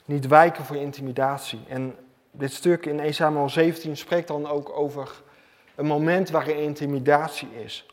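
A man's voice: on the high side, fairly even intonation, normal speed. Man preaching in an echoing hall. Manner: emphatic, repetitive preaching cadence. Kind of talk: sermon.

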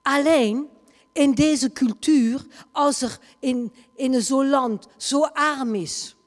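A woman's voice: high voice, slow. A woman preaching and retelling a story dramatically, her volume rising and falling sharply. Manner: dramatic retelling, wide swings in loudness. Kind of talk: sermon storytelling. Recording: long hall reverb.

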